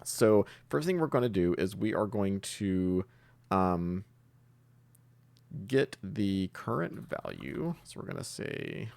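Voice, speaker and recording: Speaking slowly but very animatedly, this tutorial host has a deep, slightly mellow voice with vocal fry. He guides viewers through coding informally, step by step, voicing his thoughts as he types.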